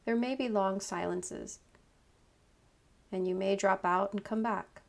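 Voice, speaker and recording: Calm and unhurried, a woman leads a guided meditation as a yoga nidra teacher, using short phrases with pauses. Her voice is gravelly and medium in pitch.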